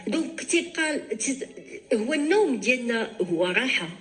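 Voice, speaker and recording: A woman doctor with a Moroccan accent answers callers on a radio advice show. Her voice is on the high side and expressive, and she speaks fast Darija mixed with French, restarting often.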